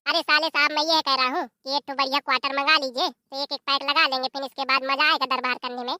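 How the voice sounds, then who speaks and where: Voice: high voice, steady tone, fast talker, pushed and bright, no room sound, clean studio sound. A performer voicing a boozy, teasing adult son-in-law. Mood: wheedling. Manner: teasing, wheedling.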